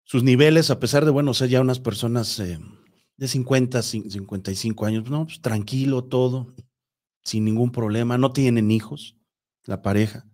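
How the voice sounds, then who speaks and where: A man's voice: mid-range voice, moderate pace, darkish tone. Man telling a spooky story. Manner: conversational, with filler words and restarts, addresses listeners directly. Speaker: host of paranormal story show. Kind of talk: spoken storytelling.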